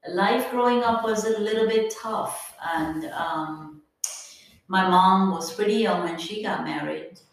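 A woman in her fifties, originally from Guyana, telling her life story as a podcast guest, earnest and reflective, pausing often. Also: on the low side. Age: 50s. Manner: earnest, reflective, with many pauses and fillers. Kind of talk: personal storytelling interview. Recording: very echoey, from far off the mic.

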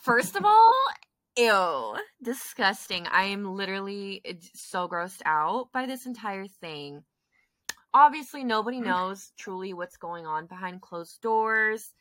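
A woman co-hosting a podcast in casual chat, expressive and opinionated, often correcting herself as she goes. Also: medium pitch, unhurried. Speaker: podcast co-host.

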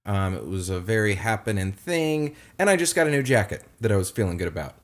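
A young man co-hosting a casual chat, telling a story with lively acted-out quotes. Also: a little fast. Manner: animated storyteller, acts out quotes in a high voice. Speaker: podcast co-host.

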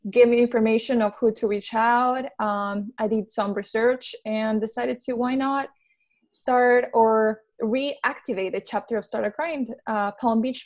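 A woman from Venezuela answers interview questions in English. Her voice sits a little high. She speaks in a friendly way and often pauses or hesitates as she answers. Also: darkish tone. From Venezuela, raised in Peru. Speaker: guest.

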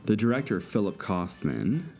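A man's voice: fairly low pitch, expressive, moderate pace, a little mellow, soft background music. A man co-hosting a podcast, chatting casually and enthusiastically about movies, rambling and teasing. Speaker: podcast co-host.

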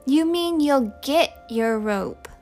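Storybook kid: woman playing a sassy, teasing five-year-old, high and sing-song. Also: lively intonation, slow, soft background music, heavily acted. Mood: taunting. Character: shrewd, taunting five-year-old girl.

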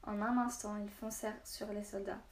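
A woman reading a children's novel aloud, steady and expressive, voicing the dialogue. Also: medium pitch, moderate pace, roomy sound, slight background noise. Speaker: storyteller.

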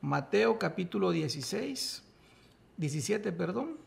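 A man's voice: high-pitched, very animated, a little slow, vocal fry. A man preaching and teaching from the Bible, emphatic, rising to exclamations. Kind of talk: sermon-style Bible teaching.

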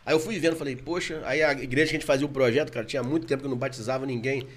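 A man with a Brazilian Portuguese accent telling his story in a casual, animated chat, often laughing as he talks. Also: racing. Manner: animated, laughing, gets louder and higher when excited.

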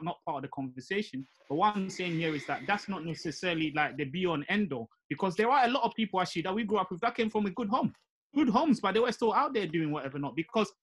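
A man's voice: high-pitched, a bit bright. A man explaining his view earnestly in a casual panel discussion, often with rhetorical questions.

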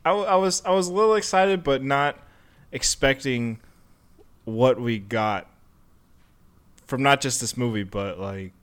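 Young male host, smooth clear voice, relaxed rambling storyteller. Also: medium pitch, unhurried, pauses often. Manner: easygoing, full of fillers and restarts when telling stories. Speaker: podcast host. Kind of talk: casual chat.

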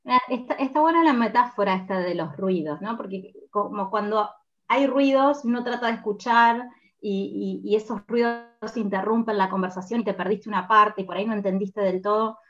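A woman with an Argentine accent talks as a podcast guest, explaining points patiently and filling pauses as she thinks. Her pitch sits in an ordinary middle range. The audio is a little dull and lo-fi. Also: a bit bright. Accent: Argentine Spanish. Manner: explanatory, thinks aloud with fillers. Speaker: podcast guest, communication speaker. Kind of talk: casual podcast conversation.

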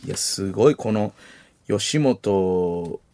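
A young man with a Kansai accent hosting late-night comedy radio, animated banter and voiced sound effects. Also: on the low side, slow, a little hiss or hum. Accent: Kansai Japanese. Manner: animated, mimics jingles and sound effects with his voice. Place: radio studio. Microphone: studio mic.

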